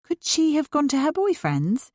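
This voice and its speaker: A woman's voice: high voice, huge pitch swings, moderate pace, darkish tone, no room sound, studio quality, voice pushed up. A woman reading the part of another teenager's mother who chats in a soothing, reassuring way. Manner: soothing, chatty. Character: reassuring mother of a teen girl, chatty.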